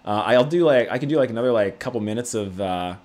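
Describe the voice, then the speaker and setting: A man's voice: mid-range voice, expressive, fast, darkish tone. A man hosting a casual livestream, chatting to viewers in a laid-back, conversational way. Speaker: YouTube channel host.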